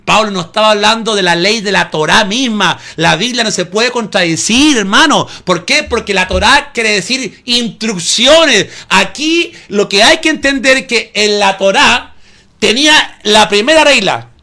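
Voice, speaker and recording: Male pastor, sermon, very bright tone, animated pitch, emphatic, rhetorical questions. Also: normal speed. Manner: emphatic preaching, calls listeners "hermano" often; asks the audience rhetorical questions.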